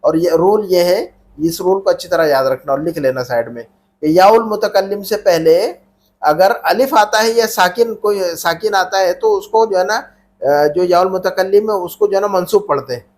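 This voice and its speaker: There's a little hiss or hum as a man with a high voice teaches an Arabic grammar class at normal speed. He patiently repeats questions and prompts the students to answer, drilling them call-and-response fashion.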